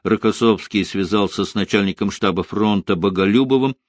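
Guy narrating an audiobook, expressive, dry close mic, no room sound. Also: on the low side, no room sound. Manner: measured and expressive. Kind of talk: scripted narration of a historical novel.

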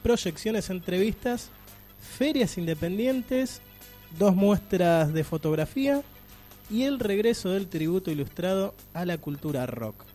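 An Argentine man on a community radio show, his voice sitting a little high and soft-toned. He reads out the news in an animated way, pushing up on each item he lists. Music plays faintly underneath. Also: unhurried. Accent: Argentine Spanish. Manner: animated, lists news items with rising emphasis. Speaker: radio co-host. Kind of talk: casual radio chat.

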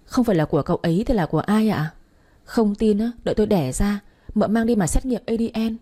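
A woman's voice: medium pitch, dark tone, close to an everyday voice. A woman voicing a pregnant young servant girl who answers defiantly and without hurry. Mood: brazen. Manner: unhurried, defiant replies.

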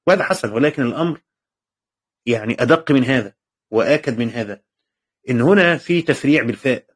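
A male teacher with an Egyptian Arabic accent works through a text commentary in a classroom lesson, his voice at an ordinary middle pitch. He moves between formal reading and casual explanation, repeats key phrases and stops often to ask whether his students follow.

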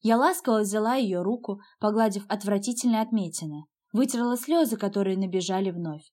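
A woman's voice: mid-range voice, brisk, dark tone. A woman narrating a first-person novel as an audiobook, with an emotional, dramatic delivery.

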